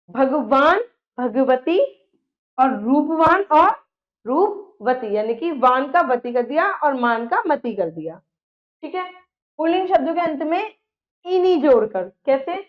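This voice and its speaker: A woman's voice: high voice, highs cut off. A woman teaching a grammar lesson, patiently reading out word pairs and checking that her students follow.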